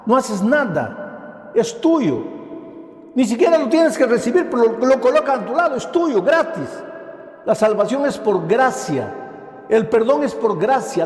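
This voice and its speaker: A man's voice: high voice, a little mellow. An older man, a pastor, preaching a sermon with emphatic repeated phrases. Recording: echoey hall.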